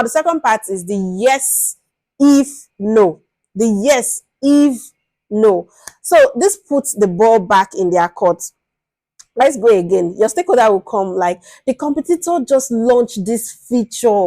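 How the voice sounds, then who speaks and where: A woman's voice: medium pitch, warm tone, no echo. A young woman from Nigeria with a Nigerian accent, giving an informal lecture on product management, often repeating words and acting out exchanges with stakeholders.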